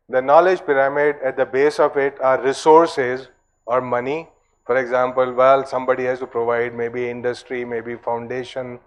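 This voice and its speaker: A man's voice: mid-range voice, lo-fi sound. A man giving a conference talk in a loose, discursive way, full of fillers and asides. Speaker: conference speaker.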